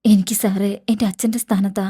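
Woman reading tearful frightened young woman, pleading, apologetic, mellow voice. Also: mid-range voice, little pitch movement, brisk, slightly rough.

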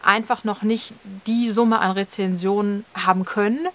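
A woman in her thirties talks through her opinions in a steady, fluent, explanatory way. She is co-hosting a casual discussion to camera outdoors in a leafy garden, picked up by a camera mic. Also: medium pitch, moderate pace. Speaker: channel co-host.

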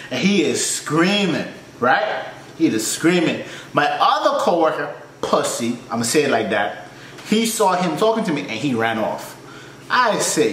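A man hosts a reaction video and launches into a profane, laughing story of his own. His voice sits slightly high and swoops with energy. The room sounds roomy, with a faint background hiss. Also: a bit bright. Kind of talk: casual storytelling.

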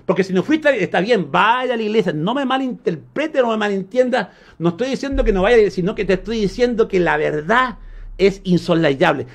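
A fervent male pastor preaching a sermon. His fairly high voice leaps about in pitch. He rises to loud emphasis, drops to near murmurs, and keeps asking the congregation if they understand. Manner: fervent preaching with sudden drops to soft, intimate tones; keeps checking in with the congregation with questions.

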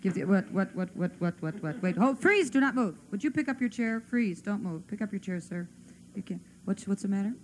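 A woman stage hypnotist running a TV demonstration, giving brisk, teasing commands to her subjects. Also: mid-range voice, a little mellow. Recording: faint noise, 1960s TV audio.

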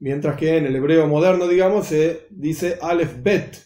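A man, a rabbi, teaching Hebrew reading rules in a patient, methodical voice-over, spelling out each example slowly. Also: fairly high pitch, fairly even intonation, mellow, echoey room. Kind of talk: explanatory lesson voice-over.

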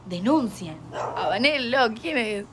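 A woman's voice: on the high side, expressive, slow pace. Young woman, Rioplatense accent, casual playful streamer, noisy mic with a dog barking behind. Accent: Rioplatense Spanish. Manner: chatty, playful, talks to her dog and chat. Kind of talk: casual live-stream chat. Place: home. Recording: noisy home stream audio.

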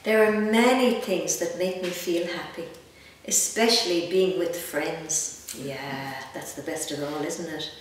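In an echoey room with a faraway mic and slight background noise, a fiftyish Irish woman visiting as storyteller reads a picture book expressively to children. She's animated and gentle, full of asides and questions for them. Her pitch is fairly low, her pace a little slow.

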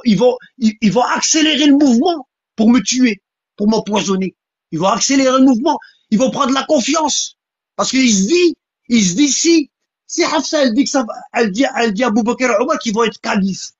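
A husky, insistent voice delivers a heated religious polemic and keeps hammering points home with repeated questions. The sound is dry and close, with a dull lo-fi quality. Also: mid-range voice, dry recording. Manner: insistent, repeats "hein?" and "tu vois?"; emphatic, repeats lines for stress.

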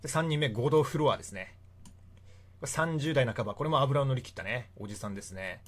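A man's voice: mid-range voice, quick pace, husky. A young man giving a casual, chatty history lecture and often laughing between points. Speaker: history explainer.

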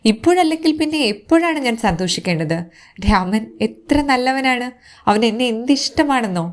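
A woman's voice: on the high side, lively intonation, normal speed, pitched above the performer's own voice, natural voice. A woman voicing a kind, trusting queen in a storybook reading, gracious and reproachful in turn. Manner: gracious, then sharply reproachful.

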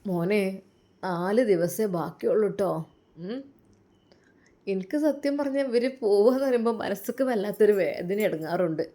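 A woman voicing a tender older grandmother who speaks slowly and sorrowfully. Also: medium pitch, animated, warm tone, lightly acted. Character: tender grandmother, sad and affectionate.

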